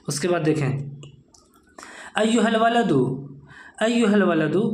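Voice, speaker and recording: A man's voice: high voice, darkish tone. A man teaching an Arabic grammar lesson, reading each phrase aloud, then translating it word by word and naming the verb forms. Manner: repeats phrases and names each verb form. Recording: echoey room.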